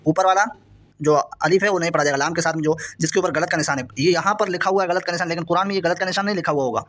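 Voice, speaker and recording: A man teaching Quran reading, drawing out each example word slowly and then explaining it quickly and repetitively. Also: on the high side, a bit bright. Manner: reads example words slowly and drawn out, then explains rapidly; repetitive, patient step-by-step pointing. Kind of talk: explaining a lesson.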